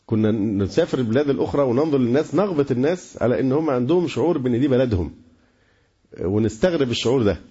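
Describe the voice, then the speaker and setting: A man's voice: medium pitch, animated, rapid-fire, dark tone, slightly rough. A man with an Egyptian accent giving a religious lecture in a colloquial tone, often stumbling and repeating words as he searches for them. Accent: Egyptian Arabic. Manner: colloquial, many repeated hesitations. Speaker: preacher. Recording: dull lo-fi lecture recording.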